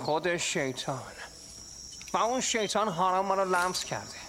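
A placating nervous gangster. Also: male voice, high voice, expressive, sharp tone, slight background noise. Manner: pleading, placating. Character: nervous gang member trying to calm others. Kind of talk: dubbed film dialogue.

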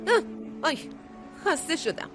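A woman dubbing a sharp-tongued middle-aged mother who runs a restaurant and scolds with heavy sighs. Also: sits high, big pitch swings, over loud music. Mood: scolding. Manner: scolding, sighing. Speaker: restaurant owner. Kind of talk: dubbed drama acting.

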